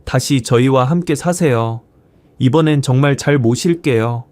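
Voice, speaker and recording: A desperate, remorseful daughter-in-law begging for forgiveness in an audiobook tale, as a male narrator puts her on. Her voice sits a little higher than the reader's own, with a pleading tone, and the sound is close and dry. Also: measured pace, darkish tone, no echo, close to an everyday voice. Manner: tearful, begging.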